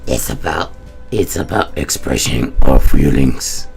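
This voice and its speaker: A man voicing a schoolgirl club member in a gravelly, exaggerated deep voice, reading her lines in a mock-serious way. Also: expressive, unhurried, over loud music, full character voice. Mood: mock earnest.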